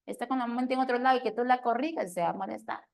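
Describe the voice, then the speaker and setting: Animated woman teacher. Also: fairly high pitch, fast talker. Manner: animated, questioning, keeps asking "¿sí o no?". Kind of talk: lively classroom lesson.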